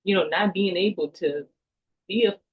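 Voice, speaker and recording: A woman playing a calm, sympathetic counselor in a mock session, reflecting back hesitantly like a therapist. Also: fairly low pitch, normal speed, husky, narrow, tinny audio. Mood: gently supportive. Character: calm, sympathetic counselor listening to a client in crisis. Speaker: counselor in a role play.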